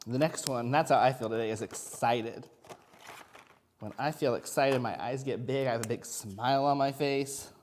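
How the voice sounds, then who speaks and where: A man's voice: medium pitch, normal speed, darkish tone, slight background noise. A man teaching a kindergarten video lesson, talking to young children in simple, encouraging language.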